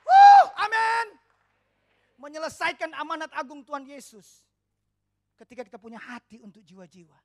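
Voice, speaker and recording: A woman pastor preaching a sermon with lots of drama, acting out shouted quotes from congregants and disciples. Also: extremely high pitch, huge pitch swings, normal speed, pauses often, a faint crowd.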